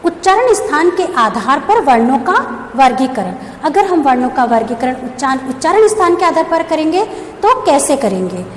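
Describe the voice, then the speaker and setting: In an echoey room with a faint hum in the background, a school teacher gives a grammar lesson. Her voice sits high and sounds very animated at a moderate pace, and she poses questions, answers them herself, and spells out letters one at a time.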